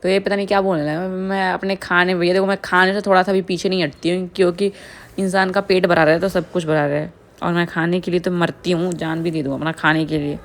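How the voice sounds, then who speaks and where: A woman's voice: lowish voice, level tone, fairly quick. Young woman vlogger from India, casual voice-over, chatty, laughs often.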